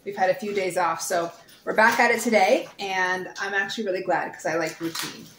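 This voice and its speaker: A woman's voice: medium pitch, fairly quick, a bit bright, a little hiss or hum. A woman in her thirties from Nova Scotia, chatting easily as she vlogs her homeschool and homemaking day. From Nova Scotia, Canada. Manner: chatty, easygoing. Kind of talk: casual vlog narration.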